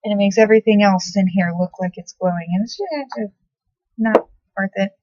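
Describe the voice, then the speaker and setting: Recorded dry and dull on her laptop's built-in mic, a young beauty vlogger chats loosely about her skincare and makeup routine from her bedroom, swearing offhandedly as she rambles. She speaks at a moderate pace in a mid-range voice with a darkish tone.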